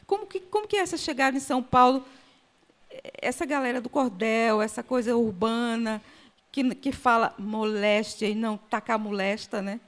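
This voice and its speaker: A woman mediating a literary conversation, asking long questions with frequent pauses and hesitations. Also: on the high side, fairly even intonation. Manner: hesitant, many fillers and restarts. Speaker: interviewer, mediator.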